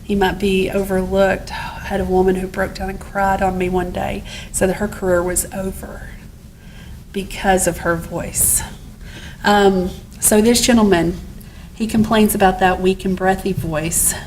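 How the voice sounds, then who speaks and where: A woman's voice: medium pitch, little pitch movement, unhurried, a little mellow, a little hiss or hum, poor audio. A woman lecturer talking through cases and asking her audience questions. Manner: chatty, asks the audience questions. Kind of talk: recorded lecture.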